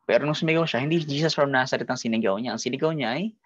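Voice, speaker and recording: A man's voice: medium pitch, rapid-fire, slightly rough, muffled recording. A man with a Filipino accent leading an online Bible study lesson, explaining step by step and often ending phrases with a tag question. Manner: explains with frequent tag questions and mixes English into Tagalog.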